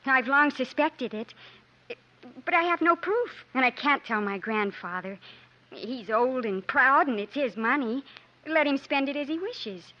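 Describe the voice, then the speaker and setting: In a muffled vintage recording of a 1950s radio drama, an actress plays an anxious, well-bred young lady. Her voice sits high and is expressive at a measured pace, refined, earnest and dramatic, with a guarded, anxious mood.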